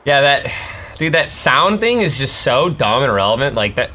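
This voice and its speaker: Excitable gamer bro guy, bright forceful voice. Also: medium pitch, moderate pace, slight background noise. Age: 20s. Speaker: game streamer. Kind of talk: casual livestream gameplay commentary. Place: bedroom streaming setup indoors. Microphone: streaming mic at a desk.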